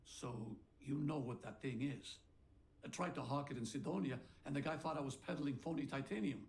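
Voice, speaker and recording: An actor playing a rugged, weary space patrolman in a video game, with a wry, gravelly voice. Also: medium pitch, moderate pace, darkish tone, a little hiss or hum, lightly acted. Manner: wry, plain-spoken.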